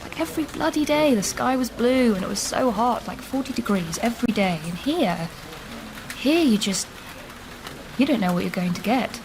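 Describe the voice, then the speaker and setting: In a radio drama with background noise, an actress voices a warm, talkative woman in her thirties, originally from Leeds and Bristol and now living in London. Her slightly high voice is animated and moves at a moderate pace as she rambles and laughs easily.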